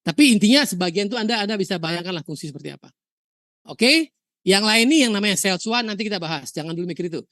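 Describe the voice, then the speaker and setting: A woman from Indonesia teaching a university histology lecture, telling lively stories, asking rhetorical questions and dropping in English terms. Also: mid-range voice, fast, no room sound. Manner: mixes English terms into explanation.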